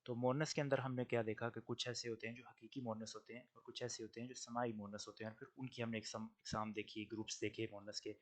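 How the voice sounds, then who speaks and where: A man teaching Arabic grammar in an online lesson, explaining patiently and slowly drilling pairs of words. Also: medium pitch, level tone. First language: Urdu.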